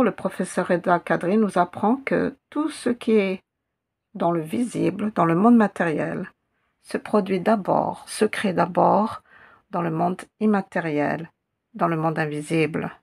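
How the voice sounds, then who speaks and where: Woman, teacher, patient, very slow, gravelly, repeats syllables. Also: lowish voice, a little mellow. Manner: patient, repeats syllables and words slowly for learners. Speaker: Arabic teacher. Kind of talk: slow spelled-out reading lesson.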